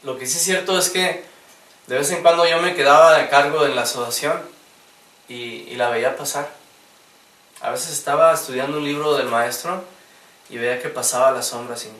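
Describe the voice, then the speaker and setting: A man's voice: a little high, fairly even intonation, moderate pace, a bit bright, recorded from a distance. Man telling spiritual stories in a roomy space. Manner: anecdotal, laughs at own stories, acts out quotes. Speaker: gnostic instructor. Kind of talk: spiritual lecture with storytelling. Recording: roomy sound, voice from off mic.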